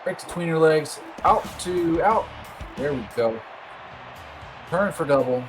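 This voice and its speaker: A man's voice: a little high, expressive, unhurried, faint music behind. A man giving casual play-by-play commentary on a baseball game, with scratching in the background. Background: scratching and scraping noises.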